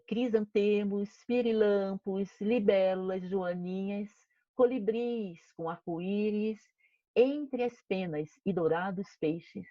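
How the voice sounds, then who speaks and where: A primary school teacher with a Brazilian Portuguese accent reads a children's story aloud to her class during an online lesson, having fun with sound words. Her voice is medium-pitched, with no room sound and the high frequencies cut off.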